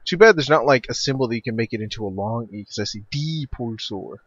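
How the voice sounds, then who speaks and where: A man's voice: medium pitch, animated, quick pace, dull audio. A man casually commentating a strategy game replay, loose and rambling, swearing now and then.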